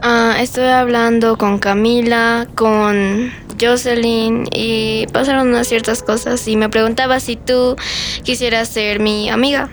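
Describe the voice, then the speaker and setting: A woman playing a sharp-tongued, clever schoolgirl in an amateur role-play drama, answering back with sarcasm. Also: fairly high pitch, level tone, a little slow, a little hiss or hum. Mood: sarcastic. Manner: sarcastic, retorting.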